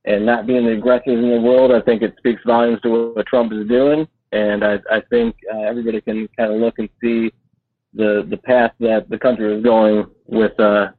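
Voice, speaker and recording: A man from Detroit calling in on speakerphone to a radio show, talking haltingly with many fillers and restarts. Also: on the low side, flat delivery, no room sound. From Detroit, United States. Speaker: caller. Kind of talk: call-in radio chat. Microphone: phone on speakerphone. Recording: tinny phone line on speakerphone.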